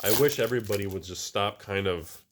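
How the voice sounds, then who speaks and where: With a lowish voice and a fairly quick delivery, this channel host rambles through casual commentary as he cracks open card packs. He exclaims a lot and keeps restarting, and there's a slight hiss or hum underneath.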